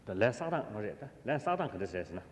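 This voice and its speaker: A Tibetan man with a Tibetan accent teaches philosophy in a very deep voice that swings widely in pitch. He is heard in a long, echoing hall. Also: sing-song, rapid-fire. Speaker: Buddhist teacher. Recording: echoey hall with background noise.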